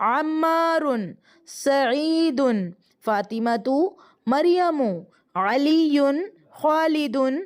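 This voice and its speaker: A woman with a Pakistani accent teaching an Arabic grammar lesson, who explains in quick bursts and slows right down to recite each word. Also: high voice, a little mellow. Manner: explains in quick bursts, drawls slowly when reciting words.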